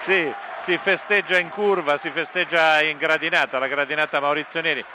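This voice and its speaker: A man's voice: fairly high pitch, steady tone, fairly quick. A man giving live football commentary remarks as the secondary commentator. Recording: dull lo-fi feed with stadium noise.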